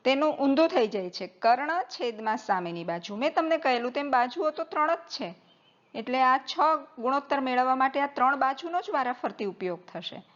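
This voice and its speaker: A woman's voice: high voice, animated, moderate pace, highs cut off. A woman teaching a math lesson, patiently spelling out terms letter by letter as she writes on the board.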